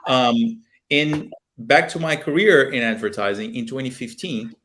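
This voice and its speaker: A man's voice: medium pitch, moderate pace, fairly bright tone. Brazilian man on a video call. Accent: Brazilian Portuguese. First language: Portuguese. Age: 30s. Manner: earnest, with many fillers and restarts. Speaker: guest pilot and aviation video maker. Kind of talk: casual interview on a video call. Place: small home office with a plane picture. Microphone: webcam video call.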